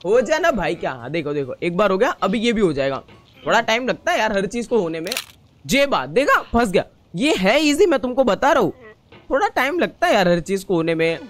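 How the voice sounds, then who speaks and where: A man's voice: high-pitched, sing-song, a little fast, fairly bright tone. A young man playing a boastful, laid-back alter ego of himself, bragging and mocking his usual self.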